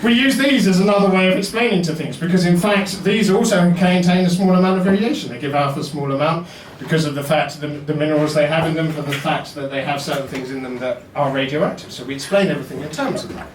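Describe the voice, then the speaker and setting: A man's voice: a little high, fast, hardly any pauses, far from the mic, slight background noise. A man performing a wry, self-deprecating stand-up comedy set in a basement comedy venue. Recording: roomy echo, mic heard from afar.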